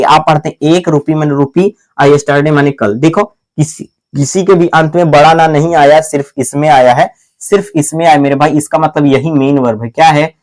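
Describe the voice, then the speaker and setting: A man's voice: on the high side, a little mellow. Man teaching with call-and-response drills. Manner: repetitive call-and-response questioning, answers his own questions; addresses the viewer as "my brother". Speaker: English grammar teacher. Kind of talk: classroom-style grammar lesson.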